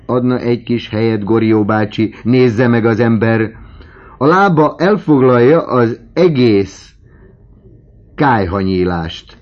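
A man's voice: mid-range voice, pitched above the performer's own voice, natural voice. A man voicing a sly, mocking forty-year-old man with sideburns, on a dull lo-fi recording.

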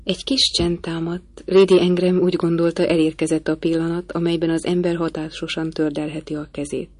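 Woman audiobook narrator, measured storytelling, lowish voice, dry close sound. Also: flat delivery, a little mellow, no echo. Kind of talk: scripted narration.

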